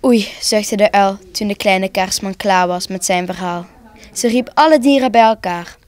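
A woman narrating a children's Christmas story for broadcast, calm and expressive. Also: medium pitch, moderate pace.

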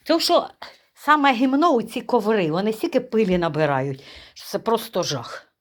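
Lively woman chatting at home. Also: on the high side, moderate pace. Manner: lively, teasing, talks to the dog in baby talk. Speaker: vlogger. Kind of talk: casual home vlog chat.

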